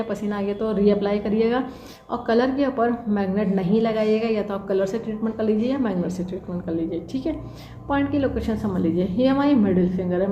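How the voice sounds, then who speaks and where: A woman's voice: on the high side, dark tone, echoey room, lo-fi sound, a little hiss or hum. A woman teaching acupressure, walking viewers through a demonstration and checking in often with "theek hai". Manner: instructive, frequent "theek hai" check-ins. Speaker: acupressure instructor. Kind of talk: demonstration tutorial.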